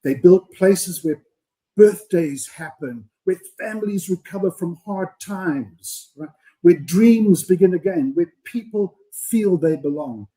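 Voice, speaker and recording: A podcast co-host with a high-pitched, animated voice of dark tone speaks slowly. During the casual live-stream chat of the live show he co-hosts, he is earnest and speechifying, often adding "right?".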